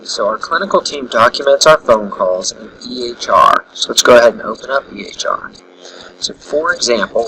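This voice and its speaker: In a casual screen tutorial, a male instructor and software trainer walks through each step while thinking aloud. He speaks at medium pitch, and the recording is bright but low in quality, with faint background noise.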